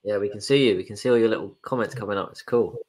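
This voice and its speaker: A preacher with a cold talks easily on a church podcast, rambling a bit and poking fun at himself. His voice sits low and slightly stuffy. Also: very fast. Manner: relaxed, self-deprecating, rambling. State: has a cold. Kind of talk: casual live-stream chat.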